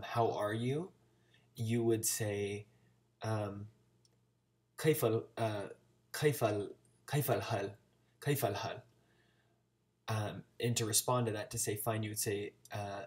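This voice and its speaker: An American man talking casually in a vlog, chattily sounding out Arabic words as a learner. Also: on the low side. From United States. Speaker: language-learning vlogger.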